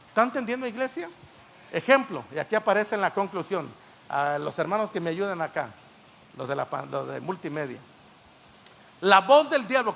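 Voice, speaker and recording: A man's voice: on the high side, gravelly, a bit bright. A man preaching a sermon at a church service, often asking the congregation rhetorical questions.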